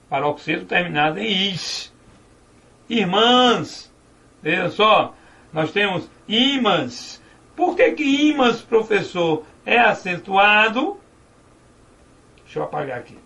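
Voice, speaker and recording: A man teaches grammar in a high, bright voice. He explains step by step and poses questions that he then answers himself. The microphone sits some way off, so he sounds distant in the room. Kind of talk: classroom grammar lesson.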